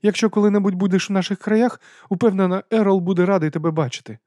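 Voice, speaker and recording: A man voicing a kindly but flustered upper-class lady in an audiobook, talking in quick exclamations. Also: sits high, warm tone, no echo, clean studio sound, pitched above the performer's own voice, lightly acted. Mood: flustered, polite. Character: hearty, fussy upper-class aristocratic lady, middle-aged. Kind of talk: audiobook character voice.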